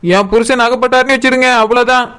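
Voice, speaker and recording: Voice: mid-range voice, steady tone, fast, fairly bright tone, smooth, lightly acted. A performer voicing a bold young woman who sells fish and stands up for her sister, retorting with a Kanyakumari Tamil accent. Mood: defiant. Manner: assertive, retorting. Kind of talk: cartoon voice acting.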